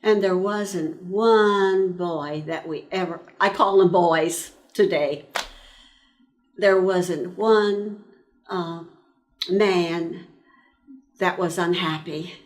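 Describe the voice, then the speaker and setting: Old lady in her 90s, talks real slow, pauses a lot, kinda low voice, reminiscing in an interview. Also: fairly even intonation. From eastern Pennsylvania, USA. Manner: slow, reflective storytelling with frequent pauses. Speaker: interviewee, World War II army nurse veteran. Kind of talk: reminiscing in an oral-history interview.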